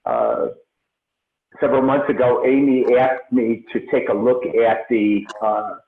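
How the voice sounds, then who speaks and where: A man presenting on a remote call, his voice echoing as if in a tunnel or underwater, speaking hesitantly with many filler pauses. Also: medium pitch, animated, vocal fry. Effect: echoing tunnel sound, as if underwater. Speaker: presenter at a meeting. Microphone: remote call from a computer. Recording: echoey tinny video-call audio.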